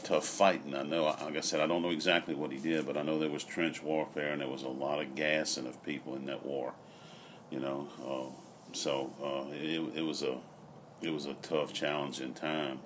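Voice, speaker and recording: A middle-aged man chats casually and reflectively, rambling with frequent pauses, recorded outdoors on a patio. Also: rumbling low. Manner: unhurried, rambling, pausing often. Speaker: vlogger. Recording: noisy outdoor ambient recording.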